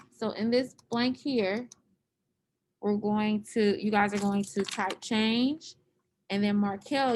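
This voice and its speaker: A woman's voice: on the high side, slight background noise. A woman teacher leading an online class, patiently explaining step by step over a computer microphone.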